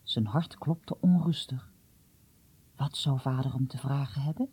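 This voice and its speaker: A woman reading a story aloud in a hushed, often half-whispered, suspenseful way. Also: rumbling low, a little slow, breathy edge, dry recording. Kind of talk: dramatic read-aloud storytelling.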